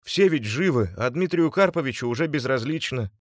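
A man's voice: mid-range voice, lively intonation, moderate pace, dry recording, clean studio sound, voice pushed up, natural voice. A man doing a squealing, guilty young man. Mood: sheepish. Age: young adult. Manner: whiny, defensive, pleading.

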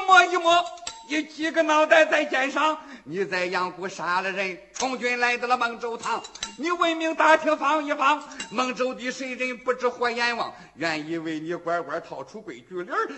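A brash, threatening prison warden in a storyteller's tale, put on by a man. He sneers and boasts in a high, sharp, forceful voice. Faint hiss sits under it. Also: big pitch swings, normal speed, full character voice. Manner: swaggering, threatening.

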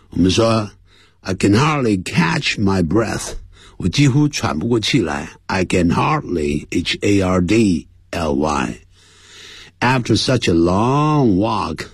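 A man's voice: fairly low pitch, darkish tone, husky, no echo, clean studio sound. A man teaching an English lesson on the radio, switching between English examples and Mandarin explanation and spelling words out letter by letter.

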